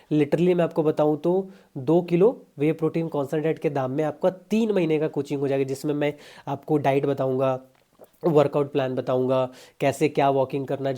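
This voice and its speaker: Young male fitness vlogger, warm mellow voice, chatty and salesy. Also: a little high. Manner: chatty, pushy, addresses viewers as brother. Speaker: fitness coach. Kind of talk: casual diet advice vlog.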